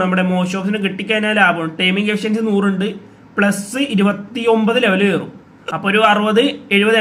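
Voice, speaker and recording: Guy doing casual gameplay commentary, high bright voice, chatting to viewers the whole time. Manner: chatty, talks to viewers as he plays, reacts with sudden exclamations. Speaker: gaming YouTuber.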